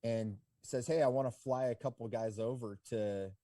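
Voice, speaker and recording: Relaxed, mellow-voiced man telling stories. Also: medium pitch, moderate pace, no room sound. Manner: relaxed, rambling delivery full of "like" and "you know". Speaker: podcast guest, ski business owner. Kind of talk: casual interview storytelling.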